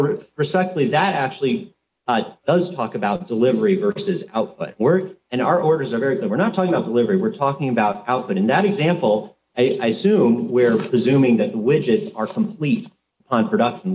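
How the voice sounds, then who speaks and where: A man's voice: mid-range voice, darkish tone, lo-fi sound. A man arguing his agency's case before judges, precise and formal, citing sources with care. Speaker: agency lawyer arguing in court. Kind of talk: appellate oral argument. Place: courtroom.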